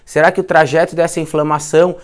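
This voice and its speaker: A Brazilian man with a slightly raised, crisp and resonant voice teaches a live class by telling a patient's story. He talks casually, circles back over the same phrases and peppers his account with slang. He sounds more like he is chatting with friends than giving a lecture. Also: a little high, level tone, fast. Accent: Brazilian Portuguese. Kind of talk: informal storytelling case lecture.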